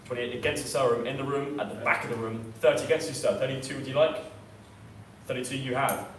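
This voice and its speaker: A man's voice: medium pitch, fairly even intonation, quick pace, fairly bright tone. A man working as an auctioneer, calling live bids with repeated prices and increments. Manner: repetitive chanting of prices and increments. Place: auction sale room, indoors. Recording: echoey room, distant mic, background noise.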